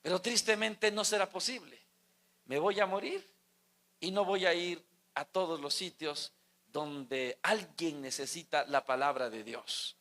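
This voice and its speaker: A man's voice: on the high side, a little slow, a bit bright. A man, preaching a sermon and putting emphatic questions to his congregation.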